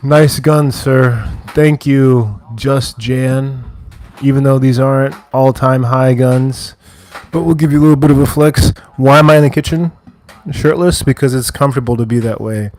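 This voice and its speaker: A man's voice: mid-range voice, steady tone, normal speed, darkish tone. A man from the American Midwest hosting a casual livestream from a kitchen, reading viewer comments aloud and answering them in a laid-back way. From Wheaton, Illinois, USA. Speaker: livestream host. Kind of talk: casual livestream chat while cooking. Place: kitchen, indoors.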